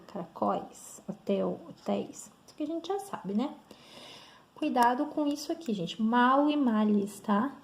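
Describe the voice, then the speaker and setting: Her voice slightly high, a Brazilian Portuguese–accented woman leads an online grammar lesson, going step by step and frequently checking in with students.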